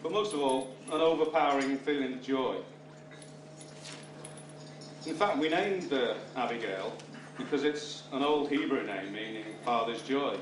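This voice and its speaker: This father of the bride, a British man who is middle-aged or older, speaks a little slowly at a medium pitch, with dry, wry humour. Guests laugh amid the room noise, all clearly audible on a roomy recording made from a distant microphone.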